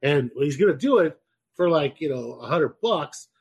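Husky-voiced man in profane casual chat. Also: fairly high pitch, normal speed. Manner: profane, rambling, animated storytelling.

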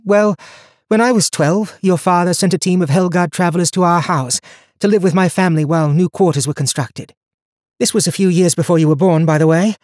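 Guy doing a young woman traveler, high and quick, earnest, dry close audiobook sound. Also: a little mellow, no room sound, close to an everyday voice. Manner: earnest, rambling when tired. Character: determined young woman traveler, capable, weary.

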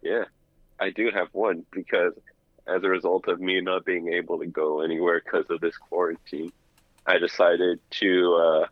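Deep-voiced man on a phone line. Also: flat delivery, moderate pace, no room sound. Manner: rambling storyteller who restarts words. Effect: phone call played back through the studio. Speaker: podcast co-host calling in. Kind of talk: casual podcast chat. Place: his apartment.

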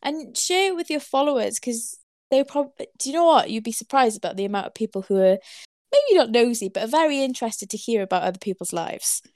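A woman's voice: fairly high pitch, animated, a little fast, darkish tone, dry recording, studio quality. A woman with a Welsh accent hosting a podcast interview, chatting in a bubbly, enthusiastic way and laughing often. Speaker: podcast host. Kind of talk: casual interview chat.

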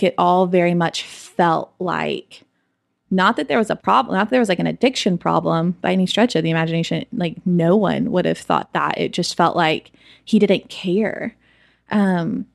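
A woman's voice: lowish voice, creaky, darkish tone, no room sound, studio quality. A woman guest in an interview, candidly and reflectively recounting a personal story, with frequent fillers.

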